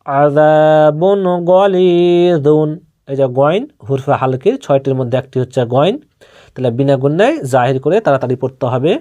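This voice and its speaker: A man with a Bangladeshi Bengali accent teaching Quran reading, spelling out letters and words slowly, then explaining the rules more quickly. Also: mid-range voice, expressive, mellow, highs cut off. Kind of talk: slow spelled-out recitation lesson.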